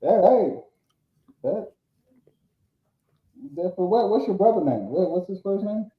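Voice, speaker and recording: A man hosting a podcast, asking questions and chiming in with quick, eager replies. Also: high-pitched, expressive. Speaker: podcast host. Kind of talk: casual podcast interview. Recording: roomy, slightly dull sound.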